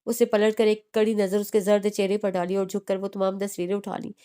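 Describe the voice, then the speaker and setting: Woman reading a romance novel out loud, steady, little restarts here and there. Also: mid-range voice, brisk, smooth. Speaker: audiobook narrator.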